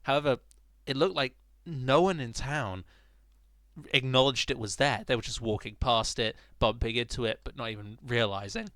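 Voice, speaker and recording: A man's voice: medium pitch, moderate pace, a bit bright, no echo, studio quality. A man narrating an informal recap of a tabletop game in a dramatic, emphatic storytelling manner.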